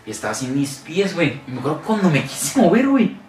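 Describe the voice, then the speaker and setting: A young man with a Mexican accent telling a scary story in casual chat and acting out shouts and sound effects. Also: fairly high pitch, sing-song, fast. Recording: echoey room, mic at a distance, faint noise.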